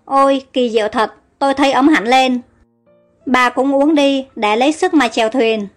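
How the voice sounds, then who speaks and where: An earnest, pleading young heroine with a high voice, as a woman storyteller puts her on. Faint music runs behind. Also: moderate pace, close to an everyday voice. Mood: cheerful. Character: young woman, trusting then frightened.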